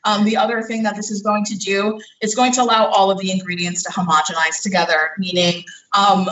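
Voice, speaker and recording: A home baker gives a live cooking demonstration, bright and forceful in a mid-range voice, though a little breathless as they chat through each step with fillers. The mic is distant and the kitchen echoes.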